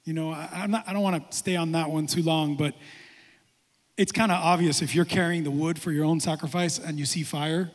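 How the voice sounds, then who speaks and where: A man preaching a sermon to young adults as pastor, animated and moving between quiet talk and loud exclamations. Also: a little high, brisk. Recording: long hall reverb.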